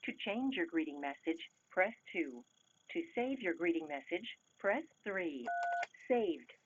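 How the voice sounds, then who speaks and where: A woman's voice: lowish voice, expressive, breathy edge. Voicemail prompt woman over a phone line. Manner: measured, clipped instructions. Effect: heard over a landline phone. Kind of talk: recorded system announcements. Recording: muffled phone line, faint hiss.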